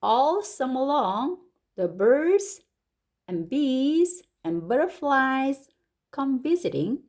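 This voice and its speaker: With a high-pitched voice and a Korean accent, this woman reads a storybook aloud slowly and animatedly. She's an English picture-book reader and teacher, drawing each word out deliberately and rising brightly on exclamations.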